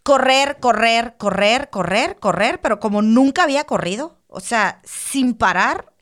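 A woman, a podcast guest telling a personal story in a casual, animated way and repeating words for emphasis. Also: a little high, a little slow.

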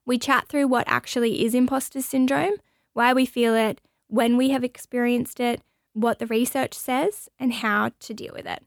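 Chatting on her podcast in a radio studio, this female host is bubbly and laughs a lot. She speaks at normal speed in a high-pitched, creaky voice with a steady tone, and there's no room sound.

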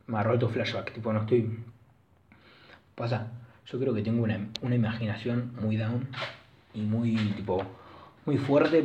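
A man's voice: on the low side, darkish tone, a little hiss or hum. A young man with a Rioplatense Argentine accent, rambling alone on his podcast in crude, casual slang and often correcting himself. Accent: Rioplatense Spanish. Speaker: podcast host. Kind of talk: casual solo podcast monologue. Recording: echoey dull lo-fi room recording.

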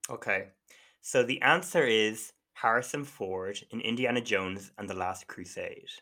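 Quizmaster guy on a podcast, teasing, bright sharp voice. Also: lowish voice, unhurried. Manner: teasing, animated. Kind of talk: casual chat.

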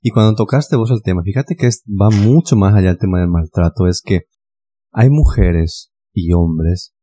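Very dark low-voiced man in discussion. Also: normal speed, breathy edge. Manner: agreeing, affirming, then building on points. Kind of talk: casual discussion.

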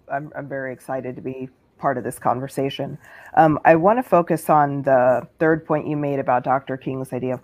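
A woman's voice: a bass voice, darkish tone. A woman giving earnest, articulate remarks as a panelist in a discussion.

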